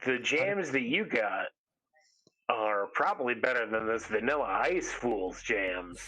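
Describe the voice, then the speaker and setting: A man playing a character in a tabletop game, relaxed and joking. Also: mid-range voice, unhurried, low-quality recording. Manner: laid-back, joking. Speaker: player.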